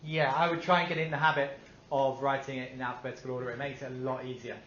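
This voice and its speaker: A man's voice: mid-range voice, level tone, quick pace, fairly bright tone, a little hiss or hum. A male teacher giving a classroom lesson, upbeat, asking the class questions and praising their answers. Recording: dull echoey classroom recording.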